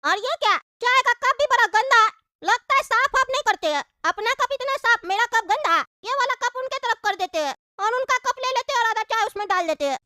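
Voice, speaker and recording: Lady doing a squeaky fussy cartoon boy, all over the place in pitch, noisy background. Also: lively intonation, fairly quick, sharp tone, no room sound, studio quality, full character voice. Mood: cheeky. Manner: argumentative, demanding, suspicious. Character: cheeky fussy young male lad.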